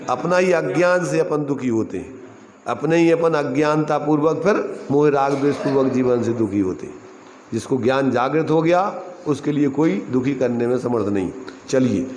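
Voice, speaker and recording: A man leads a scripture class and keeps putting questions to his listeners. Now and then he chants a couplet slowly. His voice rings through a large hall with a long echo and faint room noise behind it. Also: mid-range voice, darkish tone. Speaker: religious teacher. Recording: roomy hall with faint ambience.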